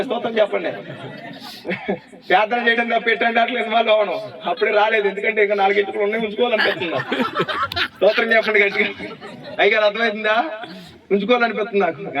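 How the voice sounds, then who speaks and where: A man's voice: high-pitched, distant mic, muffled recording. A male pastor preaching a sermon, calling on the congregation for amens and claps and firing rhetorical questions at them. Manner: exhorting, urges the congregation to say amen and clap. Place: church gathering with congregation.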